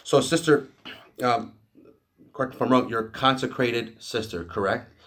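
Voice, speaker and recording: A man hosting a faith podcast in a studio, chatting conversationally and reading quotes slowly. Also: medium pitch, a bit bright. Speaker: podcast host. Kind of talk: casual podcast chat.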